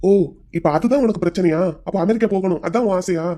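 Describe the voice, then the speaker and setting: A voice actor playing a patient young groom who gently coaxes his bride to open up in a cartoon. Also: mid-range voice, fast talker, lightly acted. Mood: coaxing. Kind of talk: Tamil cartoon voice acting.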